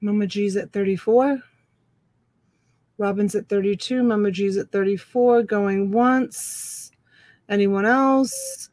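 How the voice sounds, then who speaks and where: A middle-aged woman hosting a live online auction from a room at home, counting items and calling bids slowly on a webcam. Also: mid-range voice, steady tone, darkish tone, no echo.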